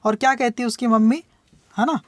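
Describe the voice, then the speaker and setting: A young woman teacher, her voice a little high and set close and dry with no room sound. She reads each English line slowly and carefully, then explains it in brisk Hindi and checks in with her students again and again. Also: no room sound. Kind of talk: bilingual lesson explaining a story.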